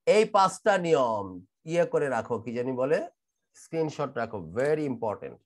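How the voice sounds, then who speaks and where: A man from Bangladesh with a Bangladeshi accent teaching English grammar in an online class, explaining rules slowly and repeating and spelling out words. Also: on the high side, animated. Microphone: computer mic in an online class.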